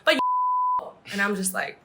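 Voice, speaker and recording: A woman's voice: normal speed, very noisy. A young woman, telling stories in a casual chat at home. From Singapore and the US. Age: young adult. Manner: animated storytelling. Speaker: guest. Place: home dining room.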